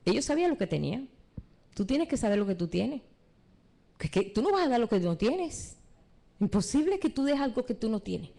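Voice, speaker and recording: A woman's voice: a little high, normal speed, creaky, pauses often. A woman teaching a church seminar live, preaching with rhetorical questions and retelling stories from her own life. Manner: animated preaching with rhetorical questions and retold anecdotes. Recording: live stream recording.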